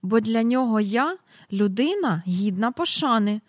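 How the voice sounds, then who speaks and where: A woman's voice: a little high, lively intonation, a little slow, dry recording, clean studio sound. Mary Poppins, a prim stern nanny read by a woman. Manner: prim and curt.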